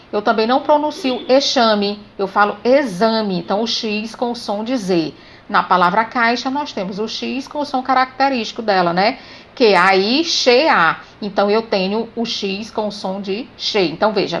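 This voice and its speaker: A woman with a Brazilian Portuguese accent teaching a grammar lesson, speaking slowly and deliberately and spelling out sounds letter by letter. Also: medium pitch.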